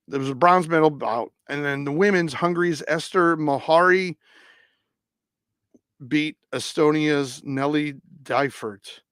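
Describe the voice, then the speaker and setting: Man, slow halting results reader, fairly high voice, dry close sound. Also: a bit bright, dry recording. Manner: reads scores haltingly, stumbles over foreign names. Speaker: sports results host. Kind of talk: live-stream results roundup.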